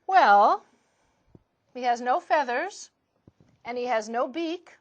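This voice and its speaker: A woman reading a picture book aloud to children in an expressive storytelling manner. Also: fairly high pitch, slow pace, lo-fi sound. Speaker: storytime reader.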